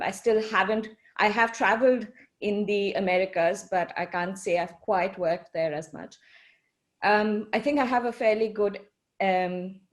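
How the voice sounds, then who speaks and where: A woman architect speaking as a panelist, thoughtful, with frequent pauses and ums. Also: mid-range voice, a little mellow. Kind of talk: panel discussion.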